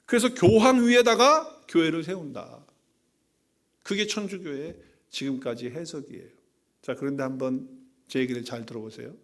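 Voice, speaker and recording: A man who is a pastor preaching a sermon, putting rhetorical questions to the congregation and swinging between loud and soft. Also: fairly high pitch, normal speed.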